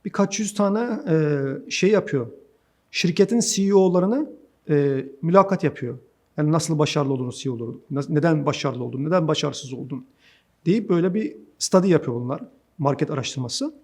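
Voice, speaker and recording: Animated man giving advice, high voice. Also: normal speed. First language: Turkish. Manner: animated, preachy, chatty, addresses listeners as friends. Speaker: IT course instructor. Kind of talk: direct-to-camera advice talk.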